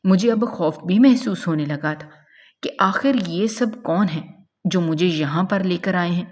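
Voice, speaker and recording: Woman narrating a dramatic story, low voice. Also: a little mellow. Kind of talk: scripted first-person story narration.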